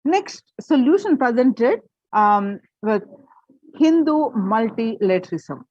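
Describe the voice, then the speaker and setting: Woman reading an article aloud, lively pitch. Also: slow pace, husky, no echo, highs cut off. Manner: reads a prepared text aloud with occasional fillers and restarts. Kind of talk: read-aloud presentation.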